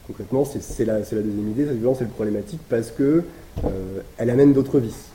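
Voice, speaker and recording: A man's voice: mid-range voice, fast. A man giving an academic lecture, talking with many hesitations, fillers and restarts. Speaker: academic speaker. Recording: echoey room with noise.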